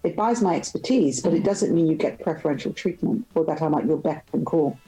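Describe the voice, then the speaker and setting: A woman's voice: deep voice, animated, a little fast, mellow, soft background music, rough recording. A woman reading as a forthright barrister. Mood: firm. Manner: dry, firm, forthright. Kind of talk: reading a novel aloud.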